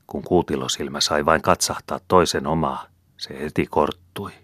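Very deep male narrator, dry room, steady measured storytelling. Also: husky, no echo. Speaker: audiobook reader. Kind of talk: scripted narration.

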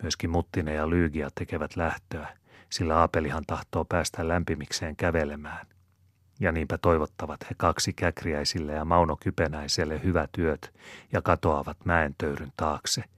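A man narrates an audiobook in a calm, measured way. His voice is very deep and low, recorded close and dry with no room sound. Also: dry recording. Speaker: audiobook reader.

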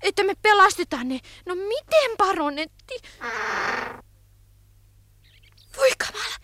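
A tiny fretful forest creature. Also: female voice, very high voice, big pitch swings, bright, forceful tone, full character voice. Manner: fretful, anxious. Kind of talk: vintage radio play acting. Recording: noisy old radio recording.

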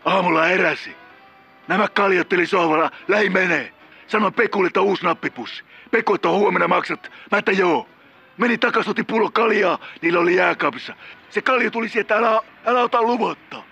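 A man voicing a volatile middle-aged drug-using killer who calls a radio show, rambling and cursing, bursting into shouts. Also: sits high, vocal fry, slightly rough, muffled recording, soft background music, voice pushed up, exaggerated voice. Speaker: caller.

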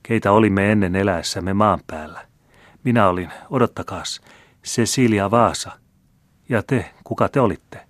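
A man's voice: fairly low pitch, dry recording, close to an everyday voice. A man reading as a teasing French marquise. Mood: playful teasing.

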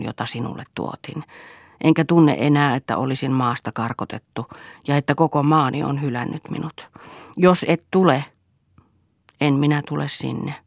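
A woman's voice: low-pitched, creaky, dry recording, clean studio sound. A woman reading a letter from an affectionate younger sister, in a tender and pleading way.

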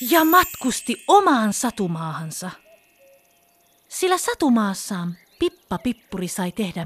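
Lively woman reading a children's story. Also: fairly high pitch. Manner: expressive, animated storytelling.

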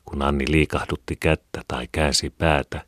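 Very deep-voiced male narrator. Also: dry recording, studio quality. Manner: calm, measured reading. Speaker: audiobook narrator. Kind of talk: scripted narration.

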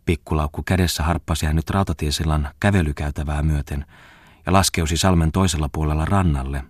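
Deep-voiced man reading a novel aloud. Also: steady tone, no room sound. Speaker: audiobook reader. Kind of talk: scripted narration.

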